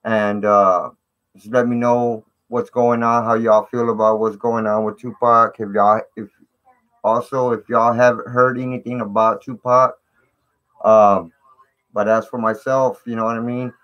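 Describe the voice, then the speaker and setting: A man's voice: mid-range voice, flat delivery, a little slow, clear, resonant tone, lo-fi sound. A man hosting a casual live stream, greeting viewers in slangy, repetitive talk through fuzzy, distorted audio. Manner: slangy, repeats "man" and "you know".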